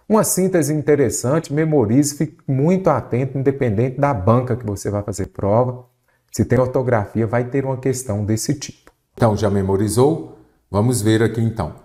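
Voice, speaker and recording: A man's voice: lowish voice, darkish tone. A man with a Brazilian Portuguese accent teaching an exam-prep grammar lesson, explaining patiently and checking in often with his students.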